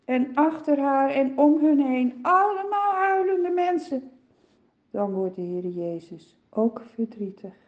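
A woman narrating a children's Bible story gently and expressively, with soft sighs. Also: high-pitched, expressive, slow, highs cut off.

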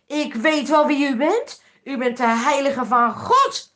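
A woman voicing a man possessed by evil spirits, shrieking and shouting at a storybook Jesus. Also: high voice, very animated, slow pace, exaggerated voice. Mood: hostile shrieking.

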